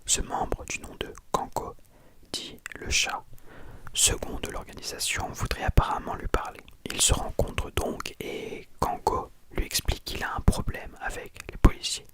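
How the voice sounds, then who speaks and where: Soft asmr library whisper, someone quietly telling a book story, no voice just breath, casual little asides. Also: moderate pace. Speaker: ASMR content creator.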